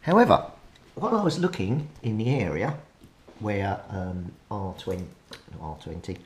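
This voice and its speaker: This British hobbyist is animated as he fixes a radio on camera, his low, darkish voice keeping a moderate pace while he thinks aloud and occasionally hesitates. Noise and clicks are obvious in the recording.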